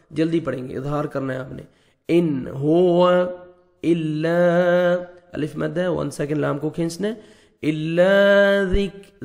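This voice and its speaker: A man with a Pakistani Urdu accent teaching Quran recitation rules, patiently explaining step by step and chanting verses slowly. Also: on the high side, gravelly, a little mellow.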